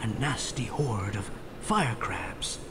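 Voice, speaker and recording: Elderly wizard headmaster: whimsical, kindly, stately game voice, unhurried and lilting, noisy ambience behind. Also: male voice, fairly low pitch, animated.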